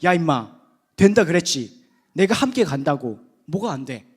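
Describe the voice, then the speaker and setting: A man preaching in Korean voices God as a blunt, fatherly figure who scolds in a gruff, casual way. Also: high-pitched, animated, normal speed. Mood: impatient. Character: blunt fatherly God, male, impatiently reassuring.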